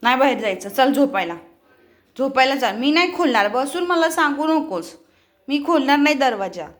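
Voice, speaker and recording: A woman's voice: high-pitched, lively intonation, normal speed. A woman filming a casual pet vlog, coaxing and scolding her dog in affectionate baby-talk. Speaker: vlogger.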